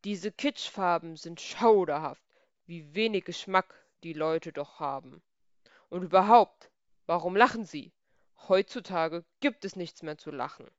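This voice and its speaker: A woman voicing a grumpy, grouchy little old man who hates bright colors, grumbling and scolding loudly. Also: medium pitch, expressive, slow, hardly any pauses, no room sound, lo-fi sound. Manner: grumbling, scolding, loud outbursts.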